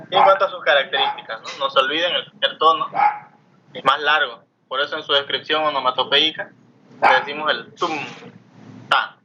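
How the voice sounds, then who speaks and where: A man lecturing a class, explaining step by step and often asking his students questions. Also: mid-range voice. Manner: explanatory, asks students questions, frequent tag "¿no?". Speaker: teacher. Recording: muffled lo-fi mic with faint noise.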